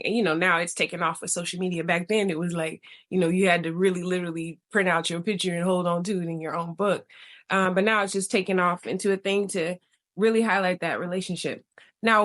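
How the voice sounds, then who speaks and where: A woman's voice: fairly low pitch, fairly bright tone. A woman from Texas hosting a casual podcast chat over a remote call. She talks in a playful, slangy way and laughs often. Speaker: podcast host.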